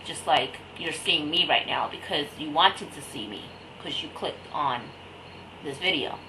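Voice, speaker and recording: A woman's voice: low-pitched, a little slow, noisy background. A young woman chatting casually to her camera at home, meandering and jokey, with loose slangy talk. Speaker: vlogger. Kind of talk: casual rambling chat to camera.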